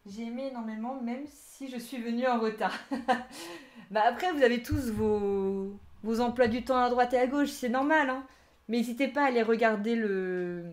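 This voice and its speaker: Brief: woman, slightly high voice, casual streamer-teacher, talks through asides and restarts. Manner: chatty, explains with lots of restarts and asides. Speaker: Japanese language teacher on a live stream. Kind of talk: casual live-streamed lesson.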